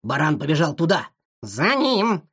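A reader voicing a loyal dog detective who gives hurried, alarmed warnings in a children's audiobook. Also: mid-range voice, huge pitch swings, creaky, a bit bright, slightly rough, heavily acted.

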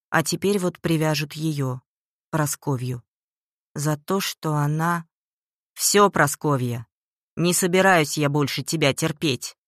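A narrator reading a story aloud in a measured, even way. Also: medium pitch, dry recording, clean studio sound.

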